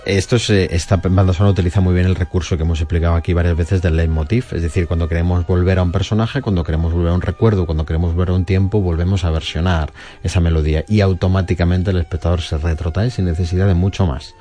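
Fast-talking, low-voiced man explaining. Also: fairly even intonation, warm tone. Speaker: film music commentator. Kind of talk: conversational explanatory radio commentary.

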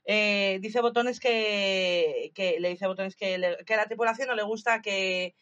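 A woman in casual chat, recapping a show with animated retellings, acting out the lines and swearing freely. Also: mid-range voice, unhurried, highs cut off.

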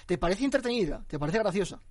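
A young man and comedy scriptwriter chatting casually on a podcast, animated and full of hermano and tío. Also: high voice, fast, dry recording.

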